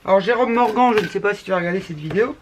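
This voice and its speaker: A woman's voice: medium pitch, rapid-fire, a little hiss or hum. Woman, northern French ch'ti accent, talkative rambling crafter giving a casual tutorial. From northern France. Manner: chatty and rambling, many restarts. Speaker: scrapbooking YouTuber.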